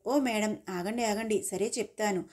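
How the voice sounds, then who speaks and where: Woman reading as a cheeky, teasing young man, mock-polite, mellow tone, storybook. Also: mid-range voice, moderate pace, close to an everyday voice.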